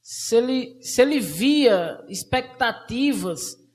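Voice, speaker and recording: A woman's voice: fairly high pitch, lively intonation, slow, darkish tone. Hesitant woman chatting at a culture event. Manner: hesitant, many restarts and fillers. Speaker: moderator of a conversation circle. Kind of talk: casual conversation. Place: auditorium of a cultural center.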